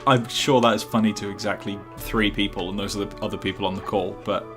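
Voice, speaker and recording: A man's voice: on the low side, fairly even intonation, fast talker, music in the background. A man streaming live gameplay who rambles, jokes and chats with his viewers. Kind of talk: casual live gameplay commentary.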